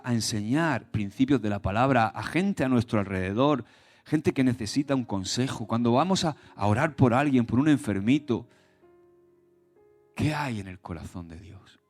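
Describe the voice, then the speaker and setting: A man's voice: medium pitch, darkish tone. A male pastor from preaching a sermon in a conversational way, with many restarts and rhetorical questions to the congregation.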